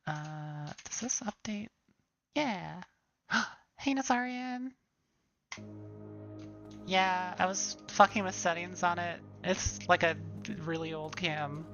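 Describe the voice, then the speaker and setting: Woman streamer, low-ish voice, dry muttering commentary, soft music underneath. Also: slow pace. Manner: muttering, wry, self-deprecating. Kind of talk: casual let's-play commentary.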